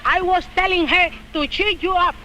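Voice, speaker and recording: Casting: fussing Latin American mother, broken English with Spanish accent, very high, sharp voice, vintage film comedy. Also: fairly even intonation, moderate pace, a little hiss or hum. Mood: coaxing. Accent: Spanish-speaking Latin American. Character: brassy, fussing island mother, matchmaking for her daughter.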